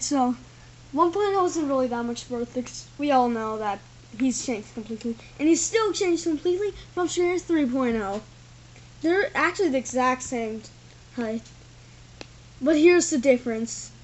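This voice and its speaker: A woman with a high-pitched voice gives a casual, rambling toy review, her talk loose and packed with "like" and "thing." She's in an indoor room with a carpeted floor, filmed by a tripod-mounted camera using its built-in mic, and the audio is poor.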